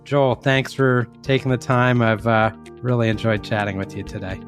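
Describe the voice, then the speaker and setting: Male interviewer, medium pitch, friendly filler-heavy questions, faint background music. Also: normal speed. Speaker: podcast host. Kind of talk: interview hosting and ad read.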